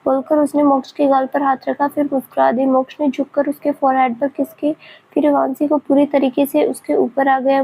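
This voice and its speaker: A woman narrating a romance story in a steady, even reading. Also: high voice, a little hiss or hum, rough recording.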